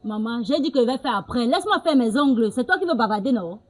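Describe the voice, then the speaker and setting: A defiant young daughter in a film drama, with a fairly high voice. She talks back and brushes off orders in a dismissive tone. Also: expressive, fast, low-quality recording. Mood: irritated.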